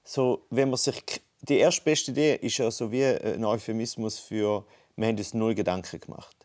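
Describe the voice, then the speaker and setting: A man's voice: on the low side, moderate pace, a little mellow. A man, co-hosting a casual podcast. He thinks aloud and circles back, restarting his sentences as he goes. He is heard over a phone call. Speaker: podcast co-host. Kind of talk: casual conversation.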